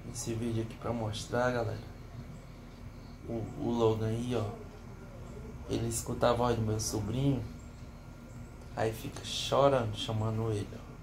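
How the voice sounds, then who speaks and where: A man filming his dog at home on a phone, talking low to viewers and calling out in a high, cooing baby-talk voice. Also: level tone, measured pace, vocal fry, pauses often, noisy background. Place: home, indoors.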